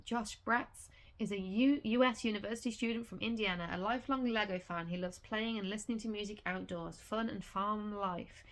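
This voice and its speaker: A woman reading a booklet aloud in a casual vlog, stumbling over words and breaking off to swear. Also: mid-range voice. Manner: reads haltingly with restarts and swears in sudden outbursts. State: has the hiccups.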